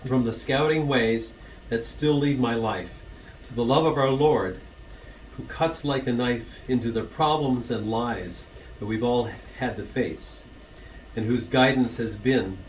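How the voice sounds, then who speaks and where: A son in middle age reads aloud a rhyming poem he wrote for an anniversary, earnest and at an ordinary pitch, now and then pausing with a gentle laugh. A camcorder with a distant mic picks him up across a church hall over faint room noise.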